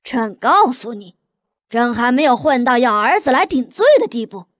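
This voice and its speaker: A woman voicing a hot-tempered middle-aged male emperor who shouts at his sons, in an audiobook. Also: a little high, lively intonation, normal speed, no echo, studio quality. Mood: furious. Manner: shouting, furious, blustering. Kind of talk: audiobook character voice.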